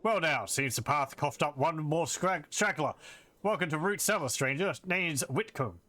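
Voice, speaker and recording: A man's voice: a little high, lively intonation, normal speed, pushed and bright, voice pushed up. A man voicing a folksy, chatty tavern keeper in a fantasy game.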